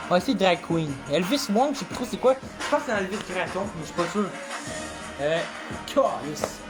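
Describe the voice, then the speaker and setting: A man's voice: high voice, very animated, moderate pace, over music. A man with a Québécois French accent, a rapper chatting casually on a livestream and freestyling, rambling and swearing often.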